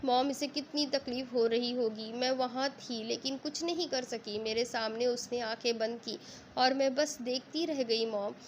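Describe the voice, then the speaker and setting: A distraught young woman in an audio storybook, her voice pitched high and strained as she sobs and pleads in a breathless rush, as a female narrator puts her on. The recording carries a faint hiss underneath. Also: fairly even intonation, moderate pace, lightly acted. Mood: grief-stricken. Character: young woman grieving wildly, delirious.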